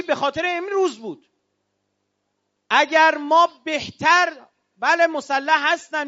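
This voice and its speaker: A man from Iran addresses an audience in a passionate, declamatory speech, his voice sitting unusually high. His tone is bright and cutting, and he rises into shouts. The recording sounds dull and lo-fi. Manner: fiery and declamatory, with bursts of shouting. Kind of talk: impassioned political speech.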